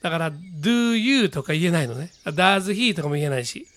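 A man teaches English pronunciation in a relaxed, talkative way. His voice sits high, and he drills example sentences slowly and patiently. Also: no room sound. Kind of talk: casual spoken lesson.

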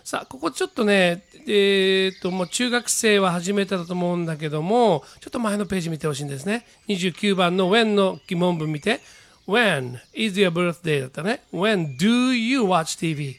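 A man teaches English pronunciation in a relaxed, talkative way. His voice sits high, and he drills example sentences slowly and patiently. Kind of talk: casual spoken lesson.

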